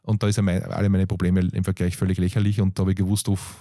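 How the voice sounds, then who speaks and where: A man's voice: deep voice, fast talker, no echo, clean studio sound. Austrian man telling stories with laughs. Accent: Austrian German. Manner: animated storytelling with frequent laughs and fillers. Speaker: guest, coach and stand-up comedian. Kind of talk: conversational interview.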